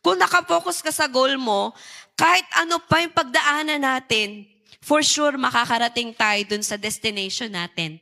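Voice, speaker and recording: Woman youth preacher, high voice, engages the crowd with questions. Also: moderate pace, vocal fry, sharp tone. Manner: engaging, asks the audience questions. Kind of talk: sermon.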